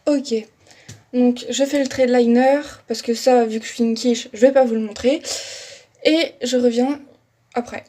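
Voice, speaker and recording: Husky-voiced young woman vlogger. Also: a little high, fairly even intonation, normal speed, warm tone. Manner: chatty, self-deprecating, talks while working. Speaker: makeup vlogger. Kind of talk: casual makeup tutorial chat.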